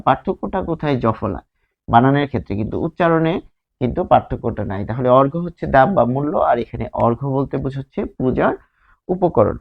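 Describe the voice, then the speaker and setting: With a Bangladeshi Bengali accent, a man leads a slow grammar lesson at a whiteboard, repeating words and raising rhetorical questions. The voice is medium-pitched and creaky, and the recording is muffled.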